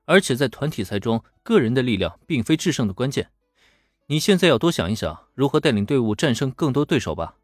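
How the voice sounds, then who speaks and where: Man voicing a calm teasing young mentor. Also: mid-range voice, dry recording, studio quality, lightly acted. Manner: reassuring, lightly teasing.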